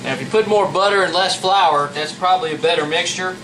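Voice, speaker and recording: A man's voice: sits high, fairly quick. Folksy man over noisy fan hum. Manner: folksy, plain-spoken. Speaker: home cook presenting a recipe. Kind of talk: casual cooking demonstration. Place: indoor kitchen with a running fan. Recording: roomy, noisy fan hum, distant mic. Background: fan noise.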